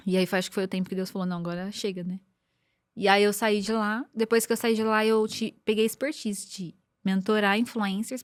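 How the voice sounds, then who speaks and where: A woman from Brazil, a marketing mentor, telling a personal faith story as a podcast guest, clearing her throat often and restarting sentences. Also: mid-range voice, a little mellow, no echo, studio quality. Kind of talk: personal testimony in casual conversation.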